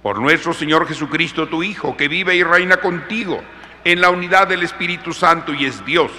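A man leading Mass as a priest, reciting solemn, measured liturgical prayers in a long cathedral-like echo. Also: on the high side, pushed and bright, slight background noise. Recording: echoing cathedral-like reverb, congregation around.

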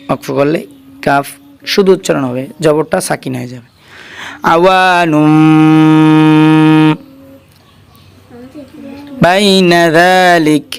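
This Quran reading teacher, a Bangladeshi man with a Bengali accent, has a slightly high, gravelly voice that is clear and resonant. He breaks words into syllables one at a time, then chants them together as he spells letter by letter.

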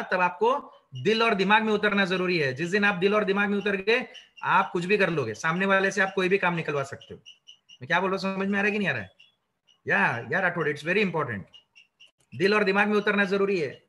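Bright high-voiced man lecturing students. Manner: lively, rhetorical questions, mixes English into Hindi. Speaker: career trainer.

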